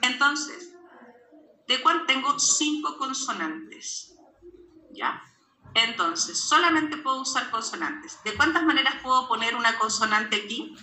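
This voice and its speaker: Patient woman math teacher, very bright tone, echoey classroom recording. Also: high voice, animated, a little slow. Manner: patient, checks understanding with frequent questions. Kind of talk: classroom lesson. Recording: echoey classroom with faint background noise.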